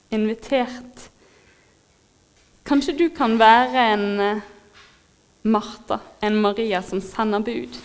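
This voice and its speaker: A woman preaching a sermon in a heartfelt, moved way, pausing with fillers as she speaks. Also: mid-range voice. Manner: heartfelt, moved, laughs softly, pauses with fillers.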